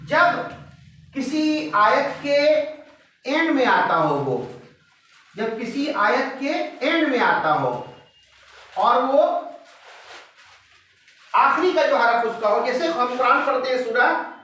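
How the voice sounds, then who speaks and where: A man teaches a recitation class at an unhurried pace, breaking each word into letters and vowel marks and repeating them patiently. His voice sits back from the microphone in a strongly echoing room. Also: very high-pitched, sing-song, pushed and bright, recorded from a distance. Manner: slow, patient, spells out letters and vowels one by one. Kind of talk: online tajweed class explanation.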